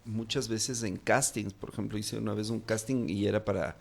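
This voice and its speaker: A man's voice: lowish voice, fairly even intonation, moderate pace, creaky. A man with a Quito Ecuadorian accent, an actor chatting as an interview guest, rambling with many fillers and restarts. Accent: Quito Ecuadorian Spanish. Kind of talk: casual interview talk.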